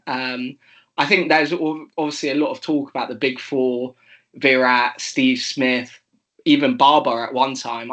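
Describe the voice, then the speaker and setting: A young man co-hosting a casual sports chat, chatty and quick to laugh, with fillers and restarts. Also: medium pitch, a bit bright. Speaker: co-host.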